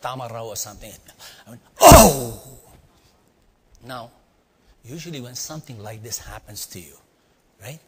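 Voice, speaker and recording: A middle-aged man with an Indian accent and a mid-range voice shares a personal story with a live audience, acting out his exclamations and posing questions to them. He's a storytelling teacher, and the hall's long reverb carries his words over slight background noise.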